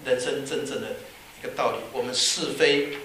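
A man preaching a sermon, telling anecdotes with lively energy and acting out the people in them. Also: mid-range voice, moderate pace, slight background noise. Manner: lively storyteller who acts out the people in his anecdotes. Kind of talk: sermon with storytelling. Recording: very echoey hall.

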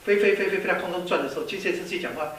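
A man preaching a sermon in a lively storytelling way, with many rhetorical questions and some English words mixed in. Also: high-pitched, very fast. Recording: echoey hall, distant mic, faint hiss.

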